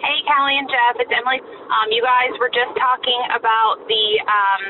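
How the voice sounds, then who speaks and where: A woman's voice: fairly high pitch, steady tone, moderate pace, narrow, tinny audio. A woman caller leaving a casual voicemail for a show. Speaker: listener calling in to a show. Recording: distant, noisy phone in vehicle.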